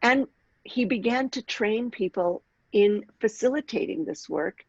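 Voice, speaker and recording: A woman in her sixties leading a workshop on aging, speaking in a measured way and clearing her throat now and then. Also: on the high side, no echo, highs cut off. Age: 60s. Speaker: workshop leader and author. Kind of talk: workshop talk with read-aloud passage.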